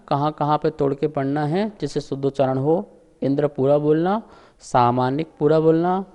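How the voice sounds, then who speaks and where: A religious teacher with a fairly high, mellow male voice gives a slow scripture recitation lesson. He pronounces each term syllable by syllable with drawn-out words and explains it step by step.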